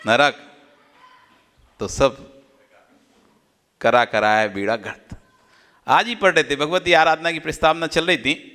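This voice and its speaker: Jain monk preaching slow, bright voice, long echoey hall reverb. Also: male voice, lively intonation. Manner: swings between loud exhortation and hushed low asides, repeats phrases. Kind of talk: sermon.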